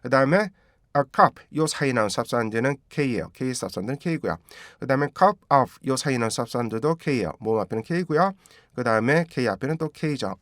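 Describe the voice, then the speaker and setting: A man teaches pronunciation in a mid-pitched voice, repeating each word slowly as a drill. He keeps checking in with short rhetorical questions. The sound is dry and close. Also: no echo. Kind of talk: pronunciation lesson.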